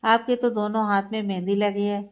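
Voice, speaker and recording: A woman's voice: mid-range voice, little pitch movement, brisk, clean tone, dull audio, lightly acted. A woman voicing a mischievous young woman who playfully teases her older sister, in a read-aloud storybook. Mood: teasing. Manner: playful, teasing.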